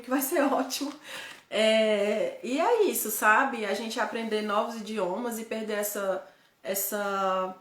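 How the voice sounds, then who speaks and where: A woman with a Ceará accent chats with her viewers in a fairly high voice. She keeps tossing in quick tag questions and restarts her sentences mid-thought. Her voice rings in a roomy, echoey space. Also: a bit bright. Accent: Northeastern Brazilian, Ceará. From Ceará, Brazil. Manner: chatty, frequent tag questions, self-correcting. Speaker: host, guide living abroad. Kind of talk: casual live chat to viewers.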